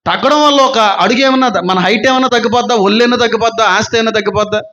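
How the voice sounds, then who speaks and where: High-voiced male pastor preaching. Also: very fast, pushed and bright, highs cut off. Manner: preaching with repeated rhetorical questions. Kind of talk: sermon.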